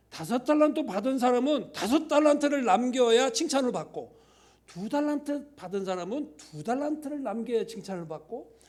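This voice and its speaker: Animated high-voiced man preaching. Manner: conversational preaching with rhetorical questions and sudden hushed whispers. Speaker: church elder preaching. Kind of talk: sermon. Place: church sanctuary.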